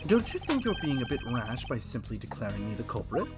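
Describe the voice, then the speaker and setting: A man voicing a composed, formal male prosecutor who speaks in measured sentences. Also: medium pitch, huge pitch swings, music in the background.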